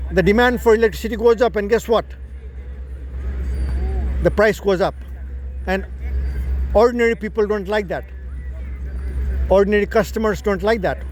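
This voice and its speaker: A man's voice: high-pitched, slight background noise. A man from Nepal, a startup founder, talking through his idea in a casual monologue that explains and rephrases as he goes. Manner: explanatory, repeats and rephrases points.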